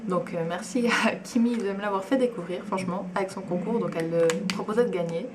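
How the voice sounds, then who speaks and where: A woman's voice: mid-range voice, fast talker, noisy background. Chatty young woman. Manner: chatty, enthusiastic, with fillers and asides. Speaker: beauty vlogger. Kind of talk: casual makeup tutorial.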